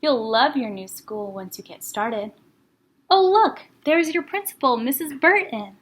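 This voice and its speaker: Woman voicing storybook man, firm, coaxing, brisk, cajoling, high register. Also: lively intonation, slightly rough, heavily acted. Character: firm, coaxing adult man, Mister Hartwell. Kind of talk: children's storybook read-aloud.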